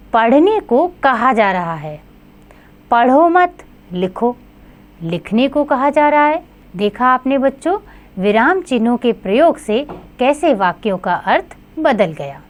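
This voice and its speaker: Slow, lively-voiced woman teaching children. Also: fairly high pitch. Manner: slow, clear, sing-song teacherly delivery to children. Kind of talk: scripted grammar lesson for children.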